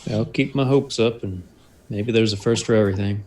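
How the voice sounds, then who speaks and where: A man's voice: lowish voice, fairly quick, darkish tone. A man playing a tabletop game, talking casually in character.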